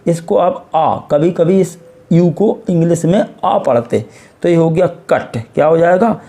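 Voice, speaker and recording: An Indian-accented Indian man, his voice on the high side and warm, takes his time teaching English reading through a classroom-style phonics lesson. Going step by step, he patiently repeats words and puts questions to the listener.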